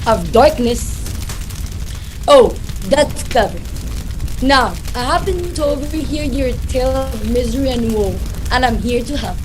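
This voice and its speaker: A woman's voice: high-pitched, lively intonation, measured pace, noisy background. A girl playing a vain princess of darkness. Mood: smug.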